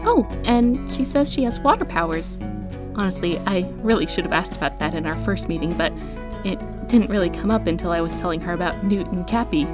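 A woman's voice: fairly low pitch, expressive, brisk, over music, lightly acted. An actress playing an awkward, earnest young woman with magic, rambling and hesitant as she records herself in an audio drama. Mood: chatty. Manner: rambling, hesitant, stammering when flustered.

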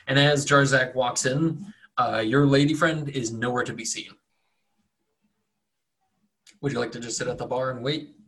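A man with a middling pitch acts as game master. He narrates scenes and chats casually with players around a tabletop game. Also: bright, forceful tone, rough recording.

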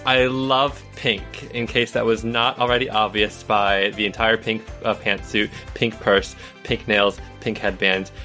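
A man's voice: medium pitch, pushed and bright. Elle Woods, a man doing a prim legal agent. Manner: hesitant, polite, fussy. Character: prim, pink-loving woman legal agent.

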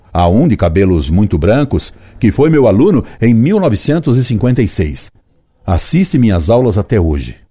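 A man, a history teacher reading a reflective personal text in a slow, solemn, measured way with long pauses. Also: sits low, warm tone, no room sound, clean studio sound. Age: 70s. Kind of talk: reflective scripted narration.

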